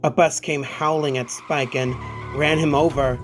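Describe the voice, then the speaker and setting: A man narrates a scripted horror story. His voice sits a little high, and music plays softly underneath. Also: steady tone, measured pace. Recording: music bed behind the voice. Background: background music.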